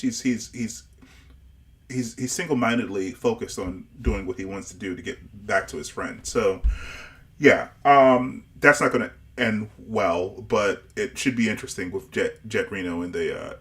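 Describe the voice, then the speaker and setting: A man's voice: fairly low pitch, moderate pace, slightly rough. A man with family roots in Barbados, co-hosting a casual show review over a livestream. He talks with many restarts and repeated words. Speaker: show co-host.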